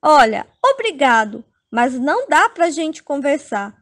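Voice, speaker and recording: A woman's voice: high-pitched, big pitch swings, unhurried. A woman voicing a timid, eager young boyfriend who talks in a hesitant, polite way, for a narrated comic.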